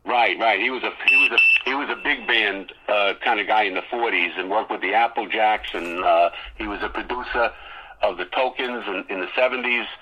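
A man's voice: fairly low pitch, brisk, pushed and bright, slight background noise, low-quality recording. A man co-hosting a radio show as a DJ, rattling off music facts in casual chat and restarting his sentences often. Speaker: guest co-host DJ.

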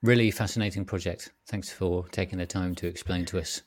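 Deep-voiced male interviewer. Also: steady tone, fairly quick. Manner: brief prompts and summaries. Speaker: interviewer host. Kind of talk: technical interview.

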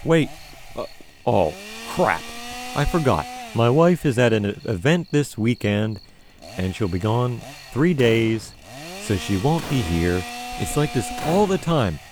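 A man's voice: mid-range voice, sing-song, unhurried, noisy background. A man playing a whiny, put-upon husband. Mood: exasperated. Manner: whiny, exasperated complaining. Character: sleepy, put-upon husband woken at night. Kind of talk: amateur comedy audio drama.

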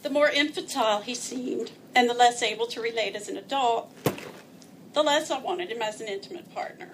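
A woman's voice: a little high, a little fast, background noise. A woman telling a personal story aloud in a wry, self-mocking way, often laughing as she speaks.

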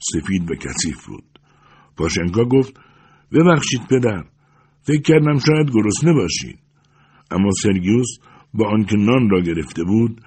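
Brief: male audiobook narrator, low and husky, measured literary delivery. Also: darkish tone.

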